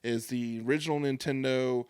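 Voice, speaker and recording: A man's voice: mid-range voice, fairly even intonation, normal speed, a little mellow, clean tone, no room sound, studio quality. A man in his forties, co-hosting a podcast, telling rambling nostalgic stories in casual chat. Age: 40s. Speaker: podcast co-host.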